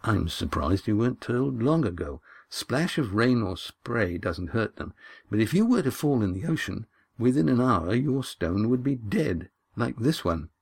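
A man's voice: on the low side, sing-song, a little slow, gravelly, slightly rough, heavily acted. A man narrating a story voices a seasoned older male sailor, speaking plainly and bluntly. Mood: matter-of-fact.

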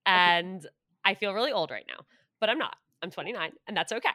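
A woman in her late twenties hosting a podcast interview, candid and self-deprecating, and quick to laugh. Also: mid-range voice, expressive, bright, forceful tone, no echo, studio quality. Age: 20s. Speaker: podcast host. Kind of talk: casual interview chat.

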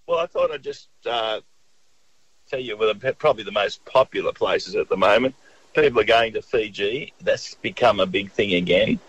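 Radio travel guest: Australian man, low-leaning pitch, dry room, lo-fi call sound, hesitant chat. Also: normal speed, fairly bright tone, breathy edge, dry recording.

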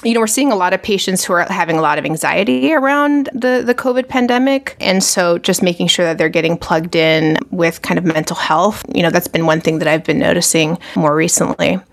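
An Argentine physician, appearing as a podcast guest, chats casually in an interview, peppering her speech with "like" and "you know" and often restarting. Her lowish, gravelly voice moves fairly quickly with hardly any pauses.

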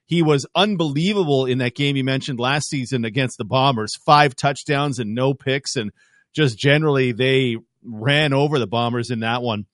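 A man talking football in a loose, animated way, sometimes throwing in playful sound effects. His voice sits at an ordinary middle pitch. The recording is close and dry. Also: moderate pace, dry recording. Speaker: football analyst guest. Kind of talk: casual sports talk.

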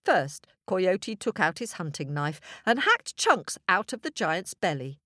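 A woman tells a children's story in a slow, unhurried way. Her voice swoops up and down, playful and expressive. The recording is close and dry. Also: lowish voice, dry recording.

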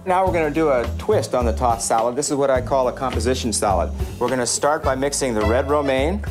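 A man's voice: medium pitch, quick pace. A man working as a chef, explaining a dish step by step and addressing his learner directly. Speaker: chef giving a cooking demonstration. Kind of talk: step-by-step instructional talk. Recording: music under the voice. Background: background music with guitar.

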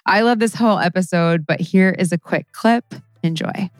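A woman's voice: on the low side, normal speed, no echo, clean studio sound, soft background music. A woman hosting a podcast, talking in a chatty, earnest way. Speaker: podcast host. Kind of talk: casual podcast chat.

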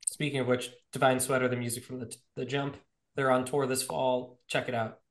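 A man's voice: mid-range voice, flat delivery, normal speed. A man hosting a podcast in casual, joking chat, his voice sounding echoey in the room. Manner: upbeat, joking, plugs sponsors. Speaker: podcast host.

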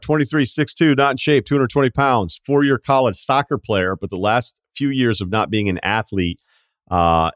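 A man's voice: fairly low pitch, no room sound, clean studio sound. A man hosting a podcast, chatting casually and reading listener mail aloud. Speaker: podcast host. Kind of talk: casual chat.

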